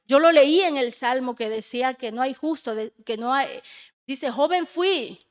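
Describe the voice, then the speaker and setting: A woman's voice: sits high, normal speed. A middle-aged woman giving a fervent, emotional religious testimony in a small church, speaking like a preacher.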